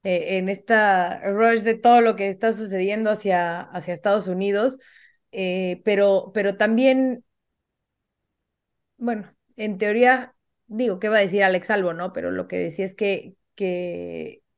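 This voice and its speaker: A woman hosting a podcast in casual chat, explaining things for listeners in a measured way with "eh" and "pues" fillers. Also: medium pitch, fairly even intonation, clean tone. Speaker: podcast host.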